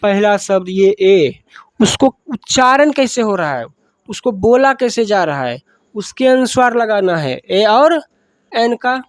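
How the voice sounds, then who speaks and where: A woman's voice: fairly high pitch, big pitch swings, unhurried, dry recording, studio quality. A woman with a Bihari accent teaching a grammar lesson, asking questions and answering them herself, repeating each point.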